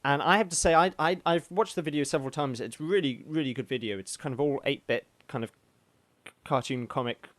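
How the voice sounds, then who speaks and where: A man co-hosting a podcast in casual chat, delivering jokes deadpan. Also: fairly high pitch, brisk, dry recording. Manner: deadpan joking. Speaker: podcast co-host.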